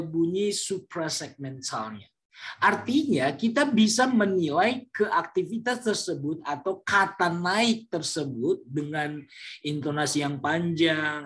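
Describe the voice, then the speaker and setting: A man teaching a class, explaining slowly with many fillers and sometimes acting out example words loudly. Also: a little high. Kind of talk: classroom lecture.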